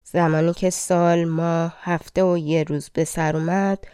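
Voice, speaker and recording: A woman narrating a fairy tale audiobook in a measured, dramatic storytelling manner. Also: lowish voice, little pitch movement, dark tone, smooth, no echo, studio quality.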